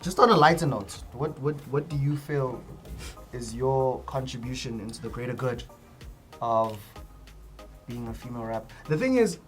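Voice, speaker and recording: A man's voice: medium pitch, expressive, moderate pace, fairly bright tone, faint music behind. A man hosting a casual panel, asking long questions full of repeated restarts. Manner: stammering restarts, probing questions. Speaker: host.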